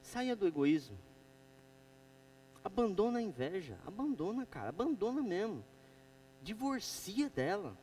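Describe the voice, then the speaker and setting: A middle-aged Brazilian man with a Brazilian Portuguese accent preaching a sermon, moving between loud exhortation and quiet storytelling. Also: high voice, big pitch swings, measured pace, long pauses, far from the mic, slight background noise, poor audio.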